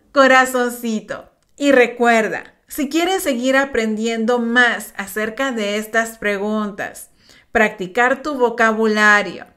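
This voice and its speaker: A woman teaching a slow, patient bilingual English lesson, switching between explanations and English examples, encouraging her students. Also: fairly high pitch, a bit bright. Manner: patient, encouraging, spells out each step.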